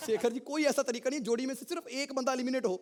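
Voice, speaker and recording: High-voiced cheeky male comic. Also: fairly even intonation, fast, a little mellow, a little hiss or hum. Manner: cheeky, teasing banter. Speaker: comedian performing a sketch. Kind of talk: stage comedy sketch before a live audience.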